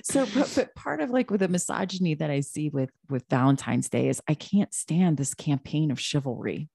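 Casual female podcast co-host; low, mellow voice, emphatic and rambling. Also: animated, moderate pace, creaky, slightly rough, no room sound, clean studio sound. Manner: chatty, emphatic, many restarts and asides.

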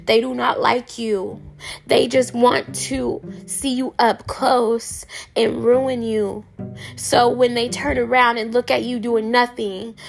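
Raspy woman in a heated rant. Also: a little high, flat delivery, slow, faint music behind. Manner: heated, irritated, cussing freely. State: hoarse. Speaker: podcast host. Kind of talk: ranting monologue.

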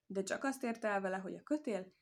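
Lady reading a folk tale out loud, calm and steady, middle pitch. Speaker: storyteller.

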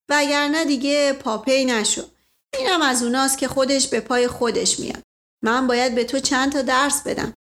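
A woman's voice: high voice, a bit bright. A woman voicing a flirtatious, blustering middle-aged nobleman who talks theatrically and keeps exclaiming "momento".

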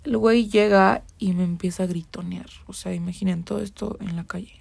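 Mexican woman on a podcast, super creaky gravelly voice, chatty, swears a lot. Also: mid-range voice, fairly even intonation, brisk, a little mellow. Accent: Mexican Spanish. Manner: candid, swears freely, many fillers. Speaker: podcast guest. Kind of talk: casual storytelling.

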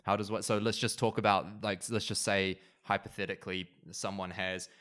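A man with a New Zealand accent hosts a podcast informally, casually introducing the show and interviewing. His voice is on the low side with little pitch movement and a fairly bright tone, at normal speed, in clean studio sound with no echo.

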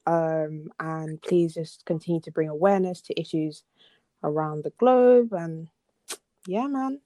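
With a deep, mellow voice and a slightly slow delivery, this young podcast co-host rambles casually, leaning heavily on fillers. The recording is dry.

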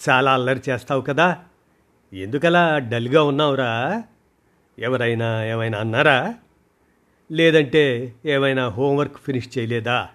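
A man's voice: mid-range voice, lightly acted. A man voicing an anxious, caring mother who fires off coaxing questions.

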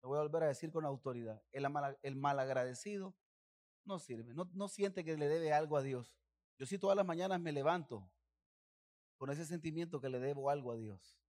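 A male pastor delivering a sermon with a high-pitched voice. He preaches emphatically and keeps calling the congregation to say phrases back with him. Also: expressive, fairly quick, a little mellow.

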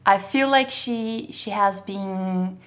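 A woman's voice: mid-range voice, slow, a bit bright. A young woman from southern Brazil speaks English with a Brazilian accent, Portuguese being her first language. She answers an interviewer's questions in a casual, hesitant way, full of fillers and small giggles. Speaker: interview guest, model.

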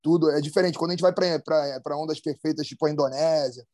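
In a relaxed podcast conversation, this man, a big-wave surfer from Brazil, recounts a story with lots of slang, sound effects and false starts. He talks fast in a slightly high, steady, somewhat mellow voice, recorded clean in a studio with no echo.

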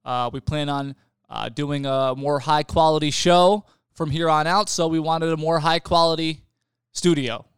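A young man hosting a casual podcast from his home studio, chatty and quick to laugh, with loose restarts. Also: on the high side, steady tone, clear, resonant tone, no echo. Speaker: podcast host.

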